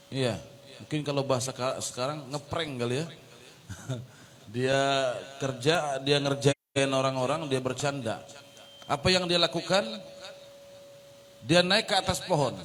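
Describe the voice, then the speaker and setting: A man interpreting a sermon, retelling its story in a lively way with explaining asides. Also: mid-range voice. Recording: long reverb of a large hall.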